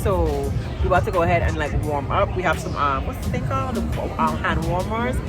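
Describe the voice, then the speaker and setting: A woman vlogger, talking in a chatty, excited way at an outdoor holiday market. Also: fairly low pitch, fairly quick, over loud music, over a noisy crowd. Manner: excited, chatty, says y'all a lot. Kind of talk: casual vlog chat.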